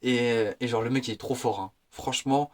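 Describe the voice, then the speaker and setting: An eighteen-year-old man talking straight to his viewers in a vlog. He is slangy and excitable, and his voice sits at an ordinary middle pitch. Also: normal speed. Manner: slangy, excitable, laughs often. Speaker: vlogger. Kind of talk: casual vlog chat.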